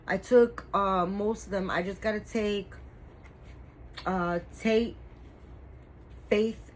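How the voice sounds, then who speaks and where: A woman's voice: mid-range voice, slight background noise, low-quality recording. A woman in her fifties, a doll-collecting vlogger, chatting casually to her viewers in a rambling way, full of fillers and restarts. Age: 50s.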